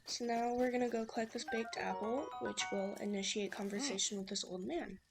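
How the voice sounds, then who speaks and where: A woman's voice: fairly high pitch, fairly even intonation, fairly quick, creaky, music in the background. A young woman giving casual, instructive gameplay commentary as a let's play host, chatty and with many fillers.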